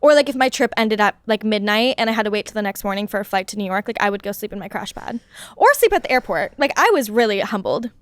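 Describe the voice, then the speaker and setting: A young woman talks fast in an expressive, mid-range voice, with no room sound. She's a chatty podcast guest in a casual conversation, filling her speech with "like" and laughing a lot.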